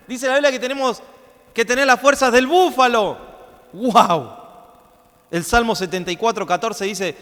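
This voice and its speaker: Male pastor, high voice, emphatic sermon delivery with repetition, recorded with long hall reverb. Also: fairly bright tone. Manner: emphatic preaching, repeats phrases and slows down to stress them. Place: church.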